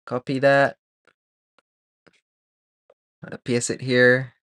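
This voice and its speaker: A man from Barbados, streaming live as a 3D artist, chatting casually and thinking aloud with many pauses and fillers while he works. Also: mid-range voice, clean tone, dry recording. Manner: relaxed, rambling, thinks aloud with many ums.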